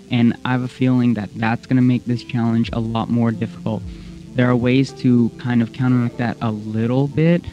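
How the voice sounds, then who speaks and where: A man's voice: mid-range voice, warm tone. A young man hosting a gaming channel, explaining the rules of his run in a rambling, self-correcting way, with the hiccups. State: has the hiccups. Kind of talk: casual gameplay commentary. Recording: dull lo-fi audio with faint music.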